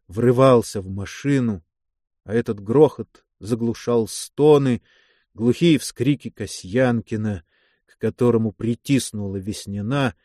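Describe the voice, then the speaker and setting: A man giving a measured, dramatic scripted narration of a war novel. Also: fairly low pitch, warm tone, no room sound, clean studio sound. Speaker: audiobook narrator.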